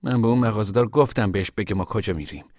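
A steady, protective young man, as a male reader voices him, in a storybook reading. He talks plainly and reassuringly, slightly above the reader's own low voice, in a dry, close sound. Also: no echo, natural voice.

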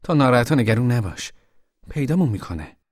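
A man doing Tom, a steady, protective young man. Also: medium pitch, breathy edge, no echo, clean studio sound, pitched above the performer's own voice. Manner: plain, reassuring speech.

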